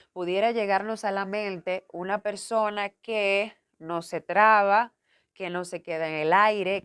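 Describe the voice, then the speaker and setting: A woman university lecturer delivers a recorded lesson on voice and diction. Her tone is smooth and resonant and sits a little low. She lays out each point in order and turns to her students as she goes. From Dominican Republic. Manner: clear, didactic, addresses students directly.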